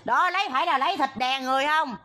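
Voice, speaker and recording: High, bright, agitated Southern Vietnamese woman. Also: fast, a little hiss or hum. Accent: Southern Vietnamese, Mekong Delta. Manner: agitated, pleading, repeats "there" to point things out. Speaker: protester livestreaming a land dispute. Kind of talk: impassioned livestream appeal. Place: outdoors by a road near a school.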